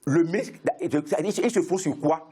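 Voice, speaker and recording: Insistent political guest: a man, husky and quick, slightly high, keeps restarting his sentences. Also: warm tone. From Benin. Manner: insistent, repeats himself, stumbles over words. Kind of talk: heated studio debate.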